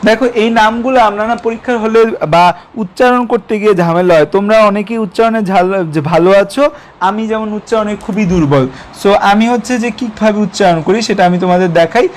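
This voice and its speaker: A man's voice: high voice, fast talker. A young man teaching a biology lesson online, asking questions and answering them himself, mixing in English terms. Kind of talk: online lecture.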